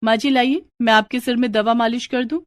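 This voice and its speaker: A woman's voice: a little high, fairly even intonation, fairly quick, no echo, studio quality, voice pushed up, lightly acted. A woman voicing a curious, scheming young daughter-in-law in a cartoon story. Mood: probing.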